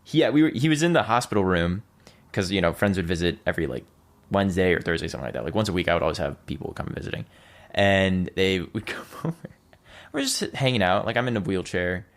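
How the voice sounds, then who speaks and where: Gravelly low-voiced young man telling stories. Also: lively intonation, fast. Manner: loose and chatty, heavy on "like", acts out quoted lines. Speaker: podcast guest. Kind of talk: casual storytelling conversation.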